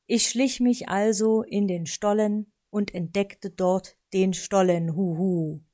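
Lady voicing an old owl uncle, sheepish and greedy, sighs a lot, hoots "huhu", kinda low and slow. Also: steady tone, warm tone, natural voice. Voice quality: hoots a "huhu" at line ends. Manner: sighing and pleading.

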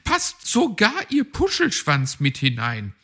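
A shrill, fussy old magpie lady from a storybook, as a male narrator puts her on, squeaking far above his usual range. She talks prim and huffy, her voice swooping up and down, with a rough gravelly edge underneath. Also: wildly swooping pitch, slow pace, sharp tone, exaggerated voice. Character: fussy chatty female magpie, older lady.

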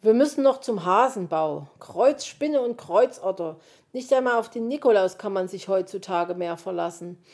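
A woman's voice: medium pitch, lively intonation, moderate pace, darkish tone. A woman voicing an impatient, scolding male fox. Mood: grumpy. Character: gruff, grumpy male fox.

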